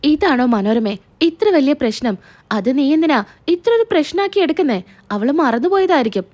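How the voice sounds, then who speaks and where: Calm old grandma smoothing things over, read by a woman, high voice. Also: moderate pace. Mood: soothing. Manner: calm, reassuring. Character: elderly grandmother, mild and soothing.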